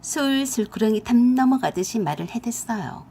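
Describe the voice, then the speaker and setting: A young adult woman narrating a family story in a lively, blunt and confiding way. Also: fairly high pitch, normal speed, a little hiss or hum.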